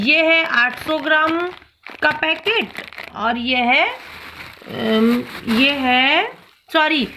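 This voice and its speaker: Bright, high-pitched woman vlogging from home. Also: slight background noise. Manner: homely, explanatory, counting items aloud. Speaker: cooking channel host. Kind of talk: casual home vlog narration.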